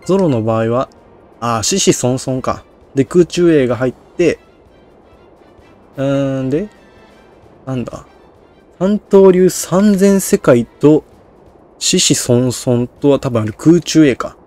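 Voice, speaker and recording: A man's voice: mid-range voice, measured pace, long pauses, darkish tone, soft background music. Male game commentator, mumbly and unclear, thinks aloud and puts himself down. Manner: rambling, self-deprecating, thinks aloud. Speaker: game streamer. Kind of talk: casual Let's Play commentary.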